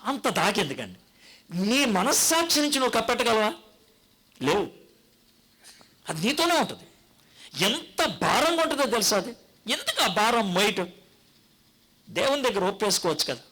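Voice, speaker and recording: Guy preaching at a church gathering, acts out the characters, bright sharp voice. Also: high-pitched, normal speed, long pauses, breathy edge. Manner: animated storytelling, acts out quoted voices. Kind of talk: sermon.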